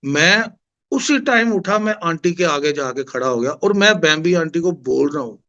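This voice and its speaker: A man's voice: on the high side, lively intonation, normal speed, bright, forceful tone, dull audio. A middle-aged man with a Punjabi accent, telling a devotional story at a satsang in a conversational way and acting out the dialogue. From Punjab, India. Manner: conversational, acts out quoted dialogue. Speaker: satsang devotee sharing experience.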